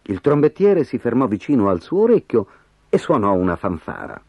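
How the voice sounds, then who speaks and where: A man reading a storybook aloud in an expressive, animated way. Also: medium pitch, normal speed, heavy background noise. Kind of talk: scripted storybook narration. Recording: slightly dull audio with faint music.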